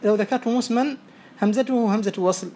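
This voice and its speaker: A man teaching Arabic morphology, quizzing students and briskly praising each answer. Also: high voice, warm tone. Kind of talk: oral quiz lesson. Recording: faint background noise.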